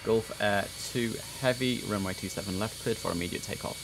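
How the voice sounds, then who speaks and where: Croaky man streaming as air controller. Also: lowish voice, fairly quick, noisy background. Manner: chatty, mixes slang with controller phraseology. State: croaky early-morning voice. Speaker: streamer playing an air traffic control game. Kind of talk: casual live-stream commentary with radio calls.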